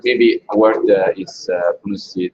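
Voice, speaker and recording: A man's voice: lowish voice, steady tone, normal speed, darkish tone, slightly rough, highs cut off. A man with a Roman Italian accent chatting casually and hesitantly, searching for his words. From Italy. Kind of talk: casual chat.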